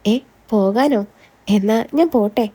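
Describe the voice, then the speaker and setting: A woman's voice: medium pitch, unhurried, lightly acted. Woman reading as a joking, charming young man. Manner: light joking, gently flattering. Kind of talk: scripted story reading.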